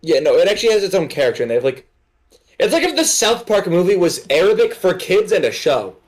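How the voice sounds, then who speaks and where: A young man with a lively, somewhat high voice talks on a group stream. He is excitable and keeps jumping in over the others in quick bursts. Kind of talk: casual group chat on a stream.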